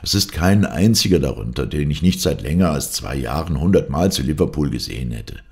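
A man's voice: extremely low pitch, sing-song, moderate pace, gravelly, darkish tone, heavily acted. A man voicing a stubborn, proud male ship commander in an audiobook, speaking emphatically and insistently.

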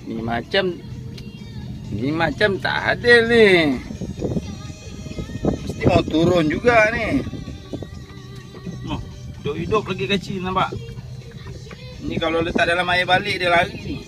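A man giving excited, chatty commentary on his catch from a small open boat, filmed on a handheld phone. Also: sits high, measured pace, pauses often, music in the background, rough recording. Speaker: angler filming his fishing trip. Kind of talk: casual running commentary.

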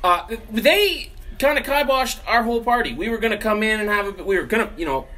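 A man's voice: sits high, lively intonation, brisk, sharp tone. A man in his thirties griping as a guest in a casual comedic interview. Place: small indoor studio in front of a banner.

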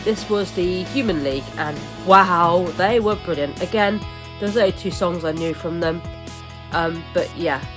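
Over music, a young vlogger narrates her footage in a fairly low, unhurried voice. The voice-over is casual and chatty, rambling along with plenty of fillers and restarts.

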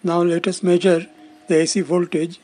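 A man in his sixties, working as an electronics instructor, reads scripted instructional narration in a measured, formal, explanatory style. His voice sits high and warm, with a flat delivery.

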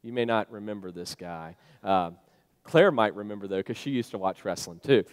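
A man's voice: fairly low pitch, normal speed, smooth. A man preaching a sermon in a conversational, storytelling way, with frequent fillers. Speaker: pastor. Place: church sanctuary. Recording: long church reverb.

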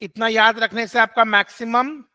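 A man teaching an online class, switching between Hindi and English and repeating key rules slowly for students to note down. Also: very high voice, steady tone, sharp tone.

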